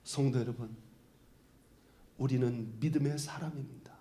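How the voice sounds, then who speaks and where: A male pastor preaching a sermon, moving between shouted prayer and hushed whispers. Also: medium pitch, steady tone, normal speed. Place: church sanctuary. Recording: echoey church hall.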